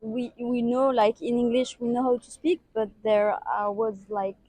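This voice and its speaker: Woman, French accent, mellow and slightly higher voice, hesitant casual answers. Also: flat delivery, moderate pace, dry recording, rough recording. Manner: hesitant, repeats words. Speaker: interviewee.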